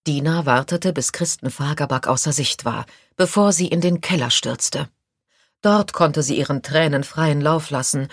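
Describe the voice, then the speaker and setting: A woman narrating an audiobook chapter in a calm, measured reading style. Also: low voice, no echo, studio quality. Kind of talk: scripted narration.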